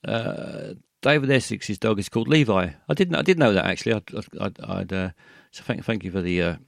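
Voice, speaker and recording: Low gravelly man rambling on a call-in show. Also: dry recording, studio quality. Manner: meandering, halting, many fillers and restarts. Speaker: radio call-in host.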